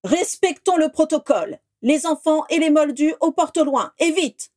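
A woman's voice: high-pitched, expressive, moderate pace, pitched above the performer's own voice. Woman reading as commanding old wizard Dumbledore. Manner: loud, urgent orders.

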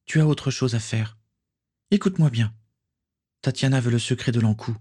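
A man's voice: medium pitch, normal speed, mellow, breathy edge, voice pushed up, natural voice. A man voicing a defiant female pirate in a read-aloud story, curt and fierce. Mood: dying, soft. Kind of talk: audiobook character voice.

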